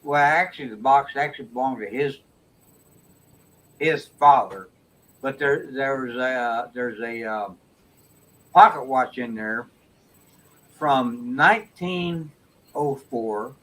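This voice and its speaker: A man's voice: medium pitch, slow pace, pauses often, a bit bright, poor audio. Hesitant man in casual chat. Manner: hesitant, full of uh and restarts, often agrees with yeah.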